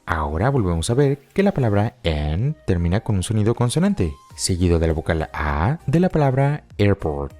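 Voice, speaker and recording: A man explaining pronunciation rules as a teacher in patient, step-by-step scripted narration, slowing down to model example phrases. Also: on the low side, big pitch swings, warm tone, soft background music. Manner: models English phrases slowly. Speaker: English teacher.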